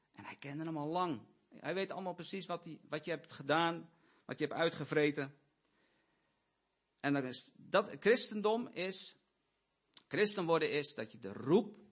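A man preaching a sermon to a congregation in a church, earnest and pleading, speaking directly to his listeners. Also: on the high side.

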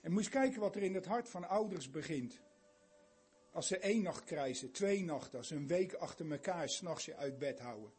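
A man's voice: a little high, lively intonation, a little fast, darkish tone, slightly rough, soft background music. An older man giving an earnest sermon, asking his listeners many questions. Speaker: preacher.

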